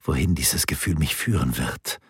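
A devoted young woman in love speaks softly in a hushed, husky voice, read by a man. The voice sits deep, and the recording is close and dry with no room sound. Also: lively intonation, moderate pace, no room sound, heavily acted. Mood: tender.

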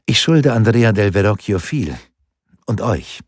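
A man voicing a brooding, reluctant Renaissance artist held prisoner, in a measured, reflective way. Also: on the low side, big pitch swings, no room sound, clean studio sound, voice pushed up. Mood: earnest.

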